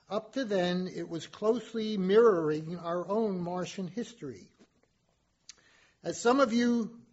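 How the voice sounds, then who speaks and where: High slow-talking martian envoy guy, stiff and formal, audio drama on a dull lo-fi recording, a man doing the voice. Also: a little mellow. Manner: slow, measured, formal speech. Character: stately male Martian ambassador, formal and aloof.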